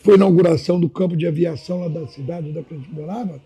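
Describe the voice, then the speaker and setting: A man's voice: a little high, quick pace, breathy edge. A man, telling old stories as a podcast guest and often addressing the host by name. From Minas Gerais, Brazil. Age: 80s. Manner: animated anecdotal storytelling, repeatedly addressing the host by name. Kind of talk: casual storytelling chat.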